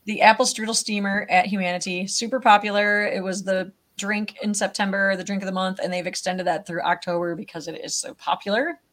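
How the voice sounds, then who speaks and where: A woman with a mid-range voice co-hosts a relaxed local talk show. She strings together news items in a chatty, unhurried way. Her fillers and restarts keep it informal. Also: medium pitch. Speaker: co-host of local business roundup. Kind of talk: casual chat, reading out local news.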